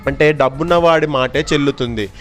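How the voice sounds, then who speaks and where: A man's voice: fairly high pitch, fairly quick, faint music behind. Man telling a children's folk tale. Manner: lively, animated storytelling with small restarts. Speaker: storyteller.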